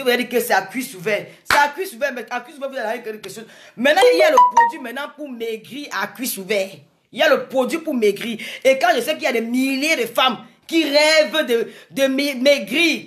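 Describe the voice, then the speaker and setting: A woman speaks in a high voice, delivering a fervent live monologue to her viewers. She hammers her points home by repeating words and phrases, and stops to greet commenters by name. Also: fairly bright tone. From Cameroon. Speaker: live streamer talking to viewers.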